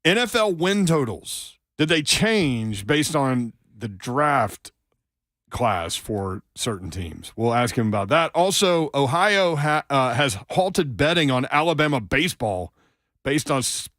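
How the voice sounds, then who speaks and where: A man's voice: mid-range voice, animated, a little slow, fairly bright tone, no room sound, studio quality. A man hosting a sports talk radio show, chatting and running through upcoming segments.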